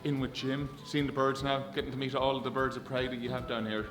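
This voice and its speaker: A man's voice: medium pitch, little pitch movement, fast, echoey room, music in the background. A man talking casually as he explains in an interview.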